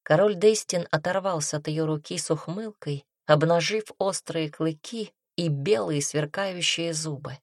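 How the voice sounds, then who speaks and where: Female audiobook narrator, low voice, dry close sound. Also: a little slow, few pauses, no room sound. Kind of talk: scripted narration.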